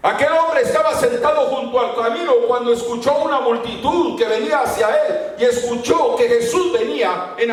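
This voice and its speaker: A man preaching a fervent sermon to his congregation, at times rising to shouts. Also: very high-pitched. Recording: very echoey room, mic far off.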